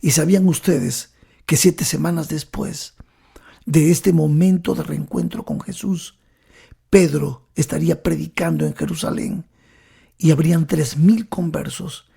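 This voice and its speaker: A man preaching a sermon, telling the story dramatically and often dropping to a hushed whisper while speaking directly to the listener. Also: fairly high pitch, fairly even intonation, measured pace, vocal fry, slightly rough.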